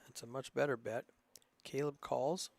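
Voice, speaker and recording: A man's voice: medium pitch, steady tone, normal speed, gravelly, darkish tone. A man with a northern Minnesota accent giving casual, rambling play-by-play commentary on a live poker stream, with plenty of ums and uhs. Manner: casual, chatty, rambling with frequent fillers.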